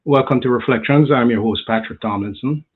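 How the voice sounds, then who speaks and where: A man hosting an interview show, asking questions in a measured way with frequent ums. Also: mid-range voice, breathy edge, phone-quality sound. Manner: measured, hesitant with fillers. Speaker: host. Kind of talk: radio interview.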